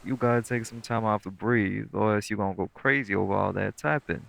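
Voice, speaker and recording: A man plays a sweet, caring, teasing lightning elemental boyfriend in an intimate audio roleplay, talking casually in a low, gravelly, fairly bright voice at a brisk pace with fairly even intonation. His manner is laid-back, coaxing and slangy, his mood gently firm.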